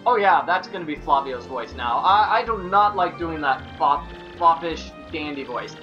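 A man hosts a video game playthrough with casual commentary. His voice sits lower than his character voices, and the recording is a little dull, with game music underneath. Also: lively intonation, normal speed. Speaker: let's play host.

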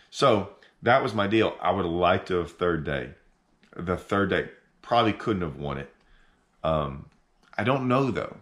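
Speaking in a deep voice, a middle-aged man who runs a fishing channel chats to the camera from his living room couch, the camera set in front at sitting distance. He's animated and thinks out loud, with plenty of restarts.

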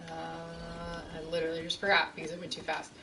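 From her couch at home, a woman teaches a college class on stream, chatting casually and answering chat questions in a casual lecture over gameplay. Her fairly low voice is monotone, a little fast, pushed and bright. She's recorded from a distance with a little hiss or hum, and game music and sounds play behind her.

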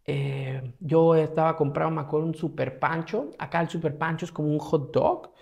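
This travel vlogger from Mexico speaks with a Mexican Spanish accent and a fairly high, creaky voice at a moderate pace. He tells his story casually, slangy and animated, playing out his own reactions.

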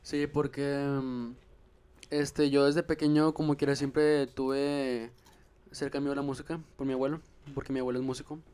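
With a medium-pitched, clear, resonant voice that's a little mellow, a young man from Mexico speaks flatly at normal speed. A musician guest on a casual podcast, he's easygoing and hesitant, sitting on a couch in a small room with a handheld mic.

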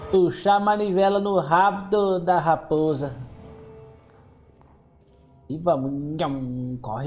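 Brazilian male let's-player, excitable horror commentary, faint background music. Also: a little high, low-quality recording. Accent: Brazilian Portuguese. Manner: excitable, exclaims and talks back to game characters. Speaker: gameplay streamer.

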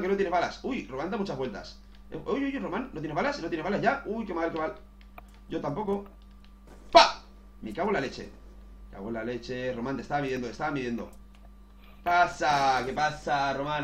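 Young-sounding male gaming host, fairly high voice, hyped and profane, echoey room. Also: quick pace. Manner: excitable, swears, says "tío" constantly. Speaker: gaming youtuber. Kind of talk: casual gameplay commentary.

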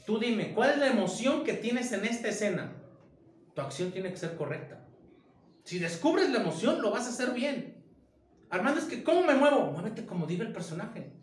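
A high-voiced man gives an informal acting lesson as a theater director. He talks emphatically and keeps throwing out rhetorical questions. His voice rings a little in an echoey room.

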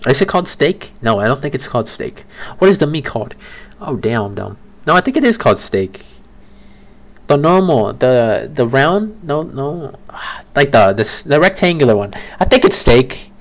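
A man's voice: medium pitch, sing-song, normal speed. A young man rambling casually through a solo ranking video, often correcting himself mid-sentence. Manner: rambling, self-correcting, chatty. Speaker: creator ranking fast food.

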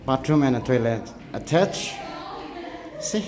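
A man's voice: mid-range voice, expressive, a little slow, a crowd in the background, poor audio. Man chatting through a walking tour. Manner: chatty, pointing things out to viewers. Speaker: vlogger giving a walking tour. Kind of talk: casual walking tour narration. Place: outdoors on a hillside village and indoors.

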